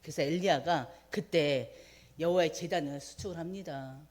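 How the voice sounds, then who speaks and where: A woman preaching a midweek sermon, retelling a scripture story with animated voices for the quoted prayers. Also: sits low, moderate pace.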